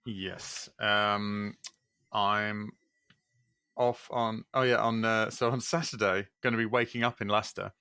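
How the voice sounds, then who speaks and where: A man hosts a casual podcast chat, his lowish voice bright and forceful. He talks in an upbeat way and fills his pauses with ums and uhs. The sound is dry and close. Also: fairly even intonation, clean tone, dry recording. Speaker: podcast host.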